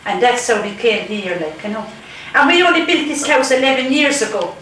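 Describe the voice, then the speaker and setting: A woman's voice: fairly high pitch, fairly quick, fairly bright tone. A middle-aged woman with a west of Ireland accent, chatting casually and exclaiming often in a home kitchen. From Galway, west of Ireland. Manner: exclamatory, chatty, sprinkled with 'love' and 'God'. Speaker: nurse, hostess at home. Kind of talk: casual family kitchen chat. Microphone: camcorder across the table. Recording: echoey noisy home camcorder, distant mic.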